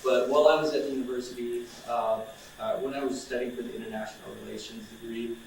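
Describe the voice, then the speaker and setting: A young man speaking informally to a room of students as an outreach coordinator, relaxed and chatty with plenty of fillers and restarts. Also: mid-range voice, fast, distant mic, slight background noise. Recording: echoey room, voice off-mic.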